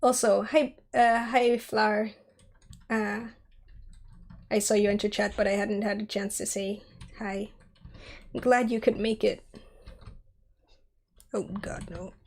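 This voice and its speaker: Taking things slowly with long pauses, a woman in her twenties streams her 3D sculpting, chatty and giggly as she replies to chat. Her mid-range voice has a darkish tone and fairly even intonation, scratchy from a cold and sore throat.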